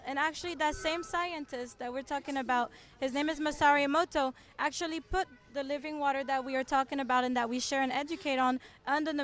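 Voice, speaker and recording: A woman's voice: high-pitched, fairly bright tone. A woman from France, a guest at an outdoor park event, explaining things with enthusiasm. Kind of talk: casual interview at an outdoor event. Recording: music playing behind.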